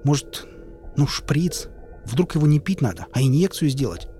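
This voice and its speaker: A man voicing a calm, thoughtful male stalker who is a chemist, speaking in a measured way. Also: mid-range voice, soft background music, close to an everyday voice.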